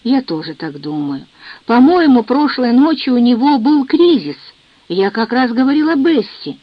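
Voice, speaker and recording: A woman's voice: on the high side, big pitch swings, normal speed, no echo, lo-fi sound. A woman reading a stubborn older mother. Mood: hopeful.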